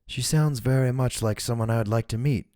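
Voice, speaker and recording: A man voicing a soft, earnest young woman in a fantasy novel reading. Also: mid-range voice, a little fast, no room sound, clean studio sound, pitched above the performer's own voice, lightly acted.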